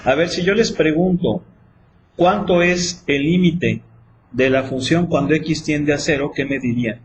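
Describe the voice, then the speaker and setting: A man's voice: on the high side, measured pace, a little hiss or hum. A man teaching math in a classroom, quizzing students with repeated questions. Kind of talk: classroom lecture.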